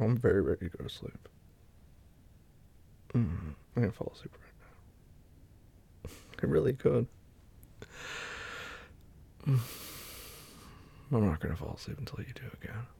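A man softly murmuring and whispering in an intimate roleplay, soothing a partner back to sleep. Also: fairly low pitch, animated, measured pace, long pauses. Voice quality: husky and breathy. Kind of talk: whispered boyfriend roleplay ASMR.

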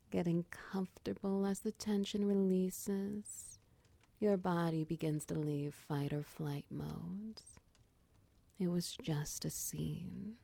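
A woman playing a tender, protective girlfriend in a whispered comfort roleplay, talking softly and reassuringly, close to the mic. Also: lowish voice, vocal fry, dry recording, heavily acted. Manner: soft, slow, reassuring, half-whispered. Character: tender protective dominant girlfriend, doting and patient. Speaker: audio roleplay performer.

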